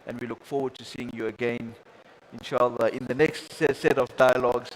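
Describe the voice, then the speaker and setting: A man's voice: mid-range voice, steady tone, normal speed, slight background noise, poor audio. A man moderating a panel dialogue, gracious and formal, with frequent stammered restarts. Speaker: moderator, host.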